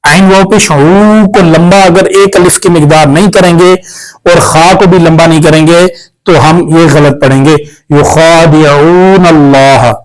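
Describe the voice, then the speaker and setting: A man with a Pakistani Urdu accent teaching Quran recitation, spelling out each letter and drawing out syllables slowly, then explaining rules at a brisk pace. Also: on the high side, poor audio.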